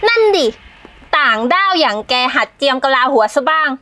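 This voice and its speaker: A woman's voice: high voice, sing-song, normal speed, sharp tone, slight background noise, full character voice. An actress playing a haughty, scornful young female site office worker in a melodramatic short drama. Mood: angry, contemptuous. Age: young adult. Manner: scornful, scolding. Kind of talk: acted melodrama dialogue. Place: outdoors at a building site. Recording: music under the voice.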